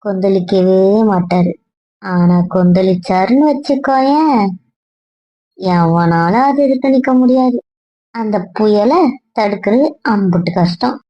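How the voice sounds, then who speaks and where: A woman's voice: medium pitch, a little slow, pauses often, lo-fi sound. A woman acting in an amateur web series, chatty and teasing.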